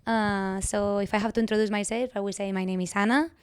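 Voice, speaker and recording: A woman from Spain speaks with a strong Spanish accent, telling her story as a podcast guest in an earnest, measured manner. Her voice is smooth and clear, with a flat, even pitch, recorded dry and close. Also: no echo. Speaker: guest, writer.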